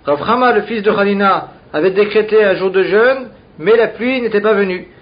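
A man's voice: high voice, moderate pace. A man reading Talmud passages in Aramaic and translating them aloud as a teacher. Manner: reads Aramaic phrases then translates them. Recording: dull lo-fi recording.

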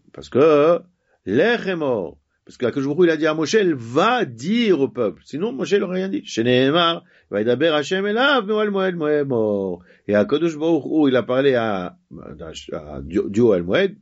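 A man teaching a daily Talmud lesson, reading Aramaic phrases and explaining them in French with halting restarts. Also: medium pitch, darkish tone, lo-fi sound.

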